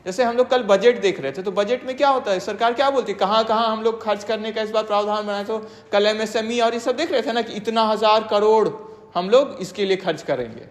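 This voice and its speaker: A teacher in a steady lecture mode, spelling out each definition slowly before unpacking it. Tag questions keep coming to make sure everyone is following. The voice sits at an ordinary pitch, and a long reverb trails after every phrase. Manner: reads English definitions slowly, then explains them in Hindi; checks understanding with frequent tag questions. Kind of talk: exam-prep classroom lecture. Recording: long reverb, echoey room.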